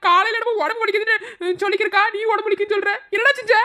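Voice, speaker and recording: A shrill, bright old granny from a cartoon, with a Madurai accent. She scolds in a rapid, sharp patter and wails in dramatic complaint. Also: fairly even intonation. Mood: nagging. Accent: Madurai Tamil. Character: fussy old village grandmother, scolding and wailing.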